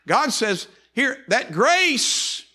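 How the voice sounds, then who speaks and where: An older male pastor preaching to his church in a high, bright, ringing voice. He repeats key phrases and stretches out the words he stresses. His delivery is earnest and emphatic. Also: big pitch swings, extremely slow. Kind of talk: sermon.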